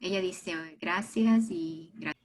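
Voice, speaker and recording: A woman's voice: on the low side, slow pace. A woman interpreting live as a voice-over, relaying a speaker's words in the third person.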